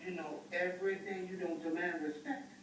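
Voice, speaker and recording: A man's voice: high voice, fairly even intonation, a little fast, lightly acted. Man playing a sassy older matron, echoey and distant. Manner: folksy, scolding, emphatic. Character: sassy, bossy older Southern matron, big-mama type. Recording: echoey, distant film playback, loud noise.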